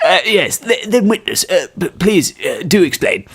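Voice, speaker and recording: Stammering old judge in a fan-made courtroom game, a man putting on the voice, pitched up and lively. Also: normal speed, breathy edge, heavily acted. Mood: hesitant. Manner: stammering, hesitant. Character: flustered elderly male judge, stammering.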